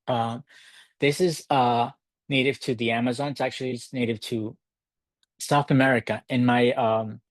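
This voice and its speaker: A man from Ecuador hosts a live virtual workshop demo from his city home over a video call. His ordinary middle-pitched voice comes through the computer mic dry and close, with no room echo, and he speaks in a relaxed, halting way with plenty of ums and uhs.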